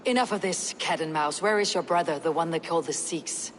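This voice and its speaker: A woman's voice: lowish voice, brisk, slight background noise, natural voice. An actress playing a direct, terse Viking warrior woman questioning people in a video game. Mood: stern. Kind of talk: video game character acting.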